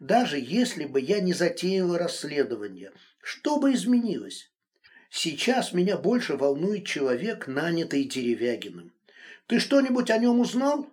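A man voicing a calm, stubborn young woman in an audiobook, speaking quietly and steadily. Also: on the high side, moderate pace, pitched above the performer's own voice. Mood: steady. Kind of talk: audiobook reading.

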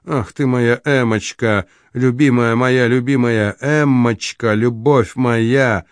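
A desperate, lovesick young man, as the audiobook reader puts him on, pleading in slow, trembling whispers. His voice is middle-pitched and sits dry and close to the mic. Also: no room sound, lightly acted. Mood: tender pleading.

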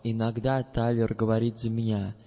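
Guy reading an audiobook, first person, slow and deliberate, kinda muffled with a long echo tail. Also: fairly low pitch, flat delivery, warm tone. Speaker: audiobook narrator. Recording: dull recording with long reverb.

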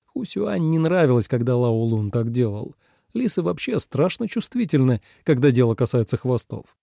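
A man narrating an audiobook in a measured, expressive reading. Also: medium pitch, vocal fry, dry recording, clean studio sound.

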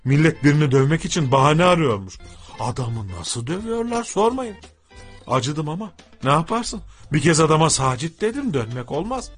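A man telling a humorous story aloud in a lively, dramatic manner. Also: on the high side, normal speed, slightly rough, faint music behind.

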